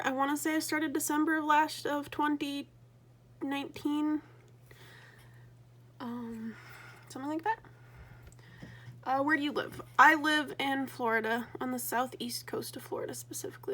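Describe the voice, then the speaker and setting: A young adult woman from Colorado talks casually while working on a craft project. Her voice sits a little high, and she speaks hesitantly and self-consciously, leaning on frequent ums and small restarts. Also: fairly bright tone. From Colorado, USA. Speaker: crafting vlogger.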